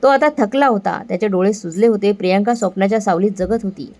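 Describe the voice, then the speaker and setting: Woman reading a dramatic story aloud, earnest, mid pitch. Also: fast, warm tone. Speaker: story narrator.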